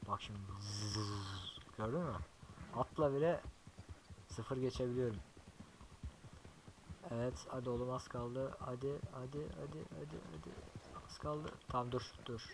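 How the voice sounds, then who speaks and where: A young man giving casual gameplay commentary as a YouTuber, chatty and swearing often, talking softly to his horse now and then. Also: medium pitch, background noise. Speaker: gaming YouTuber.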